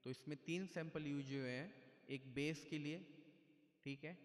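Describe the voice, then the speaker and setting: A man's voice: fairly high pitch, steady tone, normal speed. Man explaining step by step in an echoey room. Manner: plain, patient explaining with frequent "theek hai". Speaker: keyboard tutorial presenter. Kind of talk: casual step-by-step tutorial. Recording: echoey room with long reverb.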